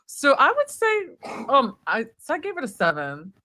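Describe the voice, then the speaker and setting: Lively, giggly woman guest. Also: high voice, moderate pace. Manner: giggly, hesitant, lots of fillers. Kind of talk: casual chat.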